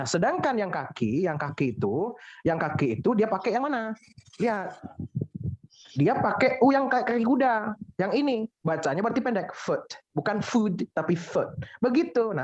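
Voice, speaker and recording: Woman teacher, lively drilling of words, teasing tone, dull lo-fi sound. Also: mid-range voice, moderate pace. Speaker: English pronunciation teacher. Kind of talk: classroom pronunciation lesson.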